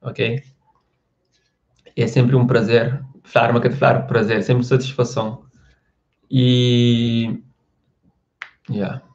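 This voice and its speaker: A man's voice: medium pitch, level tone, slow, pauses often, darkish tone, dull audio. Rambling man on a live stream. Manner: rambling, with restarts and frequent "você entende?". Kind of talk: casual live chat reading viewer comments.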